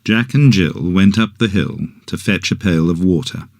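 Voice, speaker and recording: A man in a phonetics demonstration recording, reading one short sentence in normal, whispered, breathy and creaky voice. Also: deep voice, normal speed, darkish tone. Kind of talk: reading a sentence in different voice qualities.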